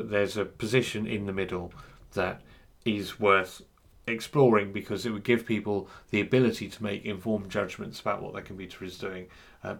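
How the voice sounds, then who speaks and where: A man giving an unscripted talk on software freedom, hesitant and full of fillers and restarts. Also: fairly low pitch, vocal fry. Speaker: speaker on free software.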